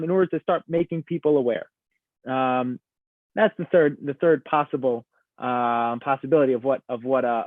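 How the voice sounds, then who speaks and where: A young man giving a Torah lesson, talking through the material slowly with many pauses and ums. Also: fairly high pitch, no echo. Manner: hesitant, many ums, explains step by step. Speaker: Torah teacher. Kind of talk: recorded Talmud lecture. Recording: dry, tinny phone-like sound.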